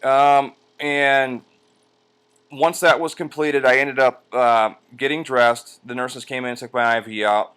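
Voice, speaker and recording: Man, post-surgery and medicated, clear smooth voice, middle pitch, halting delivery, drawn-out hesitations, casual home vlog. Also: steady tone, a bit bright. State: sore and medicated, resting after surgery. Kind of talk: casual personal vlog, recounting his experience. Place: indoors at home on a couch by a window.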